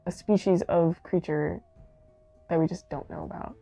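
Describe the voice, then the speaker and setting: A young woman co-hosting a podcast, laid-back and quick with jokey reactions. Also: on the low side, fairly even intonation, gravelly, warm tone, faint music behind. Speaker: podcast co-host. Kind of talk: casual podcast chat. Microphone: studio mic.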